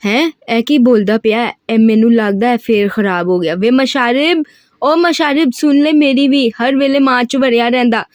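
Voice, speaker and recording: Woman putting on a rustic Punjabi mother, Punjabi accent, thick scolding voice, high, dry recording. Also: moderate pace, no room sound, lightly acted. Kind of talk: audiobook reading of a novel.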